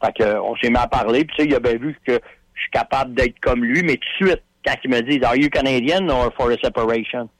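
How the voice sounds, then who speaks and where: Quick-paced and medium-pitched, a Quebec-accented man chats on a radio show, telling lively stories in folksy slang crowded with fillers. The recording is dry and of poor quality.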